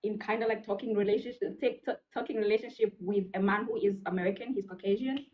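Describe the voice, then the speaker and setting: A Rwandan woman in her twenties calls into a show for a casual chat, her voice medium-pitched and steady. She talks fast yet hesitantly, using lots of fillers, over dull call audio.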